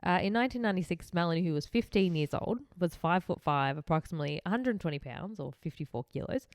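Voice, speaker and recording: A woman's voice: lowish voice, lively intonation, fast, no room sound, clean studio sound. A young Australian woman co-hosting a casual true-crime podcast, rambling through her notes with frequent giggles. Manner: giggly, rambling, reads case notes aloud. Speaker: podcast co-host.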